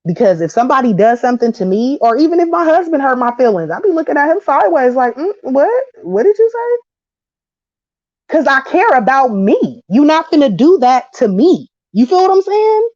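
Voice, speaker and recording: A woman in her thirties giving a blunt, slangy opinion monologue to camera, animated and quick to slip into mocking voices. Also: high-pitched, no echo, muffled recording. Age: 30s. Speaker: vlogger.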